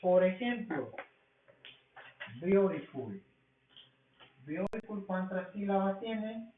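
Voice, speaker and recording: A man teaching a language class, explaining rules slowly and asking questions that he answers himself. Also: high-pitched, animated, a little hiss or hum. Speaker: English teacher. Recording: tinny, echoey, from far off the mic.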